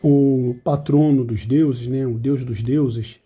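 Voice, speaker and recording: Husky, dark-voiced man teaching. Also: medium pitch, steady tone, slow pace, lo-fi sound. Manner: chatty and informal, with frequent tag questions; self-deprecating asides. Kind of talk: explaining song lyrics in a language lesson.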